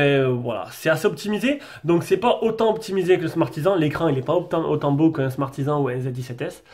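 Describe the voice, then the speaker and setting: A tech reviewer with a French accent and a head cold talks through his nose as he reviews a phone at his indoor desk setup with a branded backdrop. His voice is a little high with a darkish tone, and he is chatty but hesitant, with many fillers and restarts.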